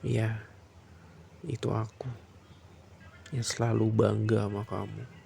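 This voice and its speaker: A man doing a soft, soothing bedtime boyfriend roleplay in a close, intimate way, sometimes slipping into a breathy whisper. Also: fairly low pitch, little pitch movement, slow pace, slight background noise.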